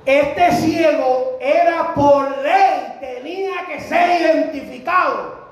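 Fervent high-voiced male preacher. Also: slow pace. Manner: fervent, rising to shouts on key phrases. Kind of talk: sermon. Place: church sanctuary. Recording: very echoey church hall.

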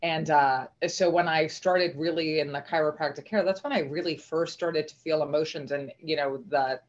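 A woman's voice: low voice, normal speed. A middle-aged woman, a podcast guest, talking earnestly and reflectively with many restarts. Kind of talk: casual conversational interview. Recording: dull lo-fi remote audio.

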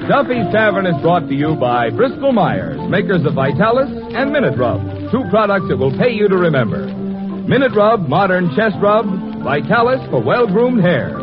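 Old-time radio announcer over loud music. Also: male voice, high-pitched, very animated, normal speed. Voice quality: formal announcer delivery. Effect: old radio broadcast sound. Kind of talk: 1940s radio announcing and commercial. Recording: dull 1940s radio recording over theme music. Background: loud theme music.

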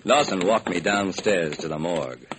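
A noisy old radio recording carries a low-pitched American man speaking at a moderate pace. He narrates and performs alone in a detective radio series, giving theatrical, hard-boiled first-person narration in the old-time radio manner.

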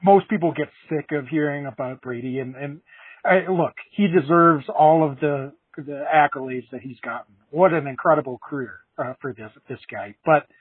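A man's voice: a little high, normal speed, slightly rough, no room sound, distant mic. A man co-hosting a sports podcast, earnest and emotional, often restarting his words. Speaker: podcast co-host. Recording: tinny phone-like line from off-mic.

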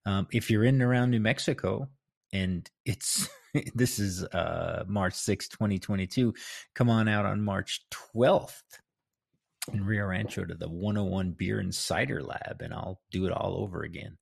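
A middle-aged man hosts in an informal, rambling style. His voice is low and husky, worn down from singing, with plenty of gravel in it. The sound is dry and close. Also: measured pace, no echo. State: voice strained from singing the night before. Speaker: host of a history show, filmmaker and musician. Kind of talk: casual solo chat to listeners.

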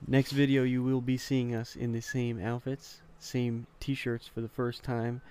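Easygoing male co-host with a flat, even delivery and a teasing edge. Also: medium pitch, unhurried, a little hiss or hum. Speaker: podcast co-host. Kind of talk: casual podcast chat. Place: studio.

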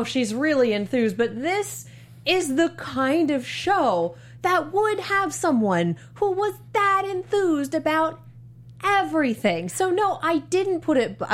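A woman co-hosting a casual podcast chat about a cartoon, playful and expressive, laughing often. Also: high-pitched. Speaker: podcast co-host.

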